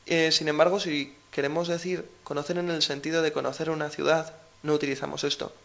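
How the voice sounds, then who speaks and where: A man's voice: fairly high pitch, flat delivery, fairly quick, gravelly, a bit bright, highs cut off. A man with a Spain Spanish accent co-hosting a language lesson, explaining patiently with everyday examples. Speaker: language teacher co-host.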